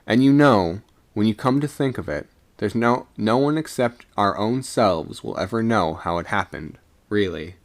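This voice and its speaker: A man's voice: lowish voice, expressive, moderate pace. A man voicing a cynical, scornful sea captain in a storybook reading, with a dismissive way of talking. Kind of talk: storybook character dialogue.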